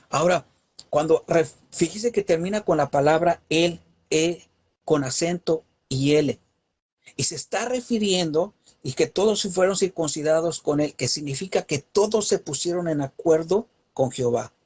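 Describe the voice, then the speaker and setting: A man with a slightly husky, fairly high voice delivers a Bible teaching. He preaches emphatically, pressing his points with rhetorical questions and rising cadences. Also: a little mellow.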